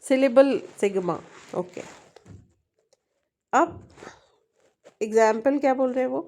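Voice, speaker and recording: A woman with an Indian accent teaching a linguistics tutorial, switching between Hindi and English, reading definitions slowly and often checking in with her students. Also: sits high, a little mellow. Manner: frequent checking tag questions. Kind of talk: explaining at a board in mixed Hindi and English.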